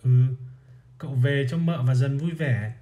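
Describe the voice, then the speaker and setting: A gentle, grieving young mother from a spoken storybook, soft-voiced and firm when she scolds, voiced by a male narrator. She talks slowly in a dark, mellow tone. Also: mid-range voice, natural voice.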